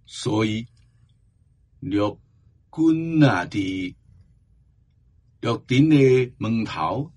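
Slow, husky-voiced man preaching. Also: fairly low pitch. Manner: slow, emphatic exhortation with drawn-out endings. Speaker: Buddhist teacher. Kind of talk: Dharma talk.

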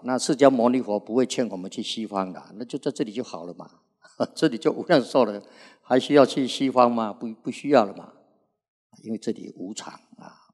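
An older Buddhist monk in his sixties preaches slowly, with long "ah" fillers between his phrases. His voice is low, gravelly and husky, and it carries a long reverb, as though recorded in a large hall. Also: a little mellow. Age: 60s. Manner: unhurried preaching, frequent drawn-out "ah" fillers. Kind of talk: Buddhist sermon.

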